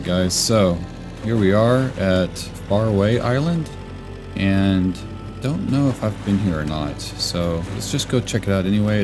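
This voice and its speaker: A man with a sick, rough voice, rambling casually and thinking aloud while he plays a game. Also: deep voice. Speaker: gaming YouTuber. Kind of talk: casual gameplay commentary. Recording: game music playing behind. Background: game music.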